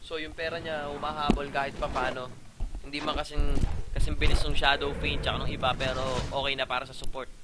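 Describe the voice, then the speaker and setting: A fairly high-voiced man with a Filipino accent calls a video game match live, breaking into loud excited shouts as the action heats up. Game sound effects and clear background noise run behind his voice. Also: fairly quick. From Philippines. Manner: excitable, frequent loud exclamations. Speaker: game commentator.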